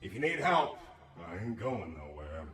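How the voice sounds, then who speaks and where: In video game character acting, a man with a low voice plays a wisecracking, handless anomaly, a sly, streetwise troublemaker. He speaks at a normal pace with a cocky, sardonic, scheming air, animated and full of folksy slang. The recording has a roomy echo and sounds slightly distant.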